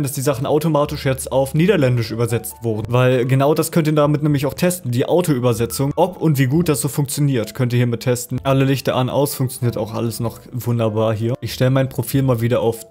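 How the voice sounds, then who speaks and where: A man hosting a screen-recorded software tutorial, explaining casually with fillers and speaking straight to his viewers. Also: medium pitch. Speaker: tutorial host.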